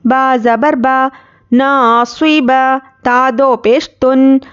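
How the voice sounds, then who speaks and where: Slow, high-voiced woman teaching recitation. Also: steady tone, smooth, lo-fi sound. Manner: spells out letters and vowel marks, then blends them slowly; explains quickly in a conversational teaching tone. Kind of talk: slow syllable-by-syllable spelling drill.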